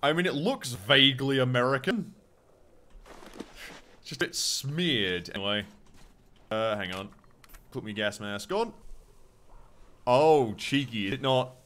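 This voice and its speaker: A man with an Australian accent giving casual gameplay commentary, muttering to himself, swearing and getting excited. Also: medium pitch, a little slow, long pauses. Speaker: gamer.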